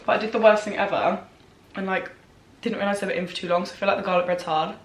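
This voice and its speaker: A woman's voice: medium pitch, steady tone, quick pace. A young woman in her early twenties chatting casually to viewers, rambling and self-deprecating, repeating words for emphasis. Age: early 20s. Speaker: vlogger answering viewer questions. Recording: echoey room.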